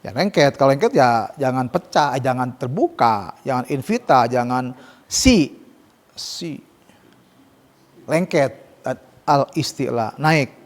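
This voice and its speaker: A man teaching Quran recitation rules to students, explaining casually and modelling slow, drawn-out recitation. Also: medium pitch, animated, big-room sound. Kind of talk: tajwid lesson with students.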